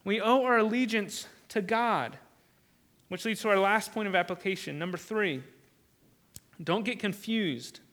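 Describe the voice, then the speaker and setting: A man delivers a sermon with a high, bright voice. He preaches earnestly and emphatically, often repeating a word or phrase to drive it home and restarting his sentences mid-thought. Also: normal speed. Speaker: pastor.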